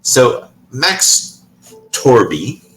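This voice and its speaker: A man narrating as game master of a tabletop game, halting with many fillers. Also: medium pitch, big pitch swings, a bit bright, faint music behind, poor audio.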